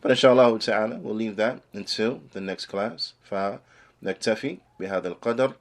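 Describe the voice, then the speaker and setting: A man's voice: fairly low pitch, fairly quick. A man teaching an Islamic class like a preacher, explaining a text phrase by phrase and repeating points to exhort, switching between English and Arabic. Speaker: religious teacher giving a class.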